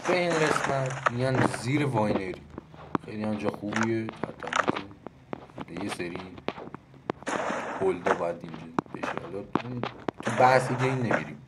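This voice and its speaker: A Persian-accented man casually explaining game map callouts, thinking aloud with pauses and self-corrections, over game audio with clicking. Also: lowish voice, very noisy. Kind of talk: casual gameplay walkthrough.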